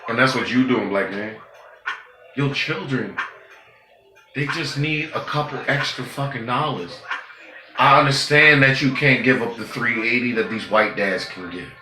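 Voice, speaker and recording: Man, vlogger, unscripted street-talk rant, cussing and preachy, echoey room with music underneath. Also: measured pace. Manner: profane and preachy, swinging between loud outbursts and low muttering. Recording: roomy, with music playing behind.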